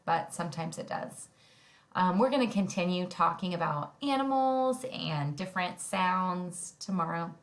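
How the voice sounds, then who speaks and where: A woman teaching a music lesson to preschoolers, talking gently and simply and showing high and low sounds with her voice. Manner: gentle, speaks simply to small children. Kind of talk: recorded lesson for young children.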